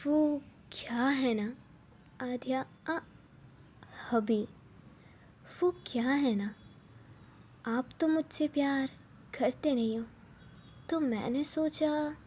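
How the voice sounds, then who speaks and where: A woman's voice: sits high, extremely slow, long pauses, darkish tone, a little hiss or hum. A woman doing Arushi, a teasing young wife.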